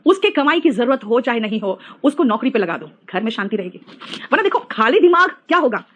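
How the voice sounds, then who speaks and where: A woman's voice: fairly high pitch, big pitch swings, brisk, a bit bright, lo-fi sound. A middle-aged woman teaching an English class online, teasing her students and mixing English phrases into her talk.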